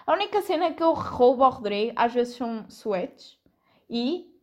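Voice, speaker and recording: A woman's voice: sits high, lively intonation, moderate pace, darkish tone. A young adult woman with a European Portuguese accent hosts a casual, slangy chat with her younger brother, teasing him as she goes. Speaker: host.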